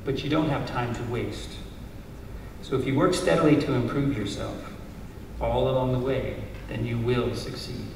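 A man's voice: medium pitch, steady tone, moderate pace, a little mellow, a little hiss or hum. A middle-aged man reading an earnest, encouraging commencement speech from notes at a stand mic on a stage. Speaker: university lecturer giving a commencement speech. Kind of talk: prepared speech read from notes. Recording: roomy hall sound, heard from a distance.

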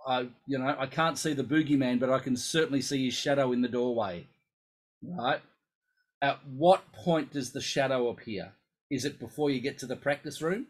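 A man coaching musicians through an emphatic, animated casual talk, often acting out inner voices. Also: medium pitch, moderate pace, poor audio. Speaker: coach for musicians with focal dystonia.

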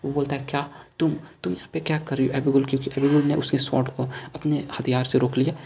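A man with an Indian Hindi accent races through a manga story recap in a flat, steady delivery. His voice has a gravelly texture. A faint hiss of noise sits under the recording. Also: mid-range voice. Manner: retells dialogue in plain narrator voice, quick and flat. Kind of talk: fast storytelling recap narration.

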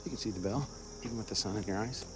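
An older man from Cincinnati, Ohio, vlogs while walking a suburban campus, his fairly low voice racing along very fast over heavy noise. He rambles and chats, full of fillers and chuckles, recorded on a phone held at arm's length with wireless earbuds.

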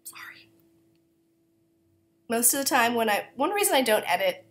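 A woman's voice: on the high side, very animated, moderate pace. Coughing woman chatting about her knitting. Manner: chatty, self-deprecating, apologetic, with many fillers. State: coughing, throat-clearing. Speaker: knitting podcast host. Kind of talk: casual chat. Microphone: camera.

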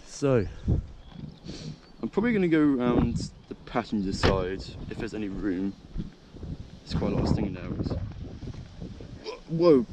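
Holding an action camera, a young man shows off his car in a relaxed POV walkaround, his croaky, medium-pitched voice wandering through lots of filler words. The car sits parked by a country lane, and he records both around it and inside it, with background noise audible throughout.

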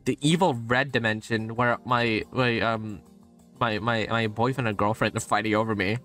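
A man's voice: fairly low pitch, steady tone, normal speed, a bit bright. A young man streaming a video game, commenting casually with lots of sarcasm, swearing and laughter. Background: faint game music.

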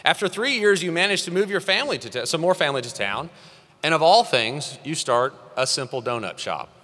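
Guy from texas giving a graduation speech at a podium, bright tense voice, big hall echo. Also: fairly high pitch, expressive, a little fast. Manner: earnest, encouraging, rising emphasis on key phrases. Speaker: commencement speaker. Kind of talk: commencement address. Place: large hall at a graduation ceremony. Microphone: podium microphone. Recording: long reverb of a large hall.

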